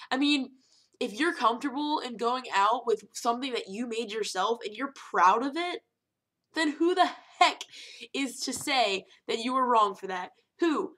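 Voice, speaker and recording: A young woman talking casually to camera in a vlog, animated and rambling, with emphatic rhetorical questions. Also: fairly high pitch, moderate pace. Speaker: vlogger.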